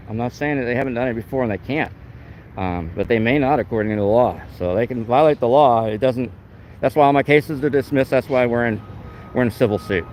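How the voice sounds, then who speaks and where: A man's voice: mid-range voice, a little mellow, slight background noise, low-quality recording. A man narrating live as he films police on a city sidewalk, his talk indignant and rambling, recorded on a handheld phone outdoors. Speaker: activist filming police. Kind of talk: live narration while filming. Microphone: handheld phone camera.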